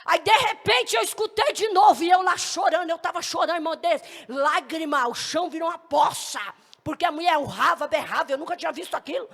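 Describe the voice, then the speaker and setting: Woman pastor, high gravelly voice, emphatic testimony sermon in a reverberant hall. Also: brisk. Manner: emphatic, often rising to shouts.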